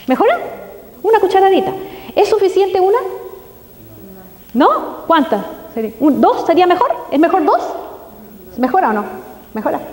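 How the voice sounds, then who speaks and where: High-voiced woman quizzing an audience. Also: big pitch swings, a little mellow. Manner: asks the audience many quick questions. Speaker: health speaker. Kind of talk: live health talk to an audience. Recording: echoey hall.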